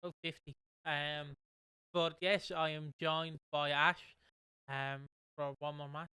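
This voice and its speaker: A man hosting a casual podcast in a bright, crisp voice that sits a little high. He rambles freely, piling up fillers and restarts, and the sound is close and dry. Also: little pitch movement, slow, no echo. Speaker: podcast host.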